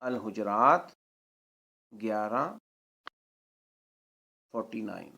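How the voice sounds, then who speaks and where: A man teaching Quran recitation rules, spelling out letters and vowels syllable by syllable and drawing out the Arabic words slowly. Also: lowish voice, gravelly, pushed and bright, breathy edge. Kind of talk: tajweed lesson.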